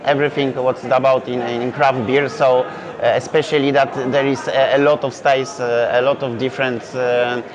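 Speaking English with a Polish accent, this young man from Poland, who founded a brewery, fields interview questions at an indoor beer festival, stumbling through fillers and restarts. He has a mid-range voice, a level tone, and a moderate pace with few pauses. A lapel mic gives a dull, lo-fi recording with festival crowd noise in the background.

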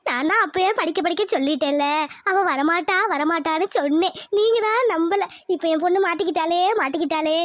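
A woman's voice: extremely high pitch, a little fast, no echo. A woman voicing a scheming village mother in a cartoon, who wails and repeats her laments. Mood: wailing. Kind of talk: cartoon voice acting.

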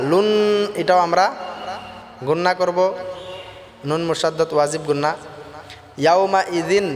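A man teaching Quran recitation, chanting verses in a slow drawn-out melody and then explaining pronunciation plainly. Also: on the high side, big-room sound.

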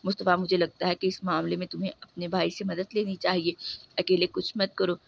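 An earnest, supportive young man from college offering help, as a woman narrator reads him. His lines come out flat and even, recorded with a dull, muffled sound. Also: lowish voice, gravelly, dry recording. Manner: kind, earnest. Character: friendly young male college student, supportive.

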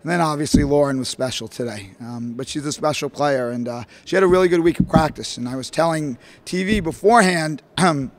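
A middle-aged man with a fairly high voice speaks from a podium in a press room. He talks in animated, rambling bursts, circling back through his points with fillers and restarts, the way a coach answers after a game. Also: fairly quick, few pauses. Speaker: head basketball coach. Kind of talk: postgame press conference. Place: press room, standing at a podium before a logo backdrop. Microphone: podium microphone.

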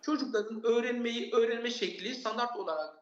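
A high-voiced man speaking at normal speed answers interview questions as an expert guest on parenting and learning. He's earnest, explains through listed examples, and repeats points for emphasis, over echoey, dull remote audio.

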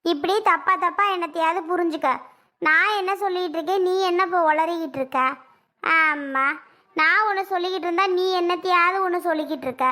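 A woman's voice: very high-pitched, brisk, pushed and bright. A woman narrating a comic village skit as the elder sister, in a coaxing, exasperated tone.

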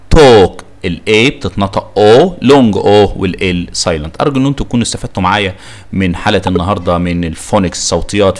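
A man with an Egyptian Arabic accent teaching English phonics, saying each example word slowly three times. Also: sits low. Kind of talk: phonics lesson, repeating words.

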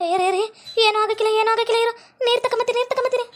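Lady doing a frantic village wife, super high voice, rattles on fast. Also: little pitch movement. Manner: fretting, repeating herself, wailing. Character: frantic young village wife fussing over her husband. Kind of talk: village comedy skit.

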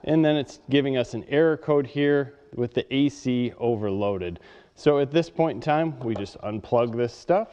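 A product reviewer gives a plain, matter-of-fact hands-on demonstration at a workbench in a workshop. His mid-range voice has a dark tone and moves at normal speed, and the recording sounds dull with long reverb.

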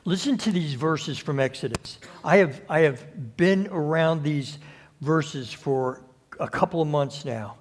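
A man preaching a conversational sermon at a church service, unhurried and often restarting or repeating his words. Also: on the high side. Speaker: pastor.

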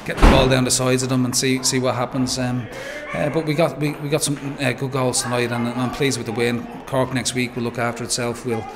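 A man in his forties with an Irish accent, a football manager giving a measured post-match interview, full of "um" and "you know". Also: mid-range voice, flat delivery, crowd noise. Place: pitchside interview backdrop, noisy. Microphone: handheld interviewer mic.

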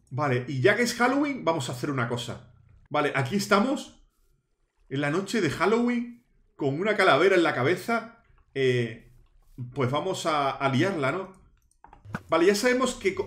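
High, bouncy voiced guy playing minecraft, big fake scared yelps, echoey room. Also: a bit bright. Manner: dramatic, shrieks in mock fear, talks to viewers. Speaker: Minecraft youtuber. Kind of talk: Halloween let's play, playacted fright.

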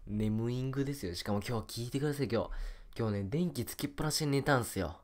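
A man's voice: mid-range voice, expressive, fast. A young man chatting casually while playing a mobile game, muttering and repeating little phrases to himself. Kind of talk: casual rambling gameplay chat.

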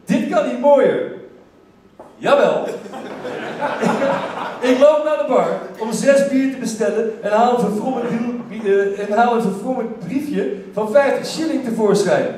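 A man telling a humorous story to a live theater audience, lively and breaking into shouted exclamations. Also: very high-pitched. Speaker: stage storyteller. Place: theater stage. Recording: echoey theater from far off.

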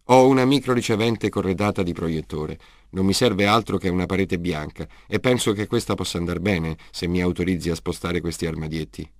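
A man voicing a calm, logical humanoid robot. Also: sits low, no echo, clean studio sound. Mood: courteous. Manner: measured, reasoning, courteous. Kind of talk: audiobook character reading.

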